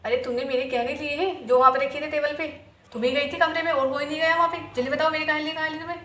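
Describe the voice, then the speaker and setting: A woman's voice: sits high, fairly even intonation, quick pace, bright, forceful tone. A woman doing a bossy, stingy rich lady. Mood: accusing. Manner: scolding and commanding. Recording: roomy, noisy home recording.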